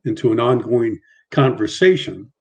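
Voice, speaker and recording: A middle-aged man with a medium-pitched, darkish voice is a guest on a casual video call. He has a mild stutter, so his speech is halting and full of repetitions and restarts.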